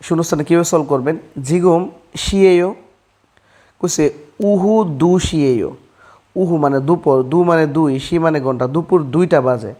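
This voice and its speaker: Guy teaching a language lesson, slightly high voice, keeps checking if you got it. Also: darkish tone. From Bangladesh. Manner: addresses listener as brother, asks quick check questions. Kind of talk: casual explanatory lesson.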